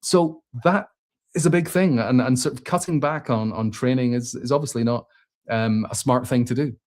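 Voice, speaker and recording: Hosting a casual Q&A, a man speaks at a moderate pace in a mid-range, darkish voice. He reasons aloud while answering comments, restarting often and relying on filler sounds.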